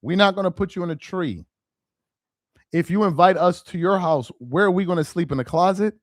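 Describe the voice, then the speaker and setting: Fairly quick and high-voiced, a young man of Nigerian background hosts an informal livestream and reads his viewers' comments out loud. He laughs, gets exasperated and talks straight to chat in an animated manner. The recording is clean studio sound with no echo.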